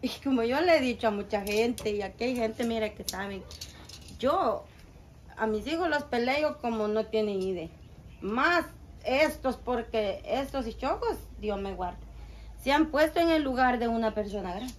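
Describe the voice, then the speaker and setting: A woman's voice: a little high, normal speed, slight background noise, low-quality recording. A mother who runs a small business, telling a story with lots of quoted dialogue. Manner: animated retelling with quoted dialogue. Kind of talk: storytelling interview.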